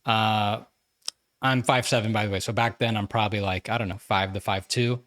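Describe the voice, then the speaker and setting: A man co-hosting a sports podcast in casual chat, with a halting, rambling delivery. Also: lowish voice, fairly even intonation, fairly bright tone.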